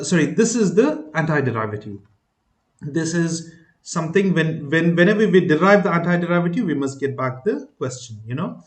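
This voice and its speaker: A man's voice: fairly high pitch, roomy sound. A man teaching a math lesson, working through the steps and often asking the listener checking questions.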